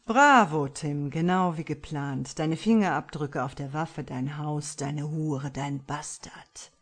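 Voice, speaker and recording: A woman voicing a calm, cruel demonic male killer who taunts his victim slowly and mockingly. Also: deep voice, exaggerated voice.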